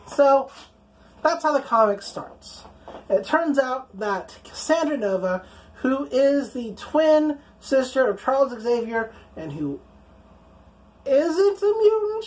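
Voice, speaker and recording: Chatty woman recapping a comic. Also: a little high. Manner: chatty, profane, full of "like" and "you know". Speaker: comic book reviewer.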